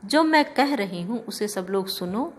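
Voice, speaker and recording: A woman's voice: medium pitch, expressive, a little slow. A woman teacher reciting verses of a poem and explaining them line by line in a lesson.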